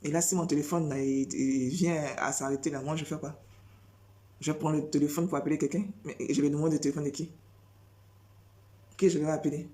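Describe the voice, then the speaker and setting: Une femme qui prêche sans notes, répète ses phrases et enchaîne les questions rhétoriques avec insistance. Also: female voice, deep voice, steady tone, a little fast, long pauses, mellow. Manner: repetitive, rhetorical questions, emphatic. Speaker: preacher. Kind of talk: spontaneous preaching monologue.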